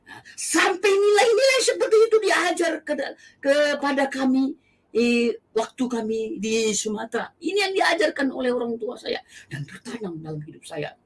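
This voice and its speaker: A middle-aged Acehnese man tells his faith story with deep feeling. His accent carries traces of Medan and eastern Indonesia. His voice drops to low murmurs, then rises into high, near-tearful cries. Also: a bit bright. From Aceh, Indonesia. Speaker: testimony guest. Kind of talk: personal testimony.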